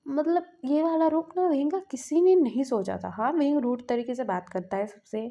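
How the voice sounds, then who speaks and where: A woman's voice: high-pitched, normal speed, mellow, muffled recording. A woman casually narrating her own fan fiction story in a chatty way.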